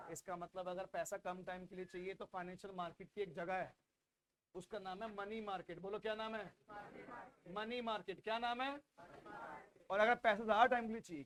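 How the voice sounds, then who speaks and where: Loud high-voiced Indian male teacher. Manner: loud, repeats questions for the class to answer. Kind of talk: classroom lecture with call-and-response drilling. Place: classroom.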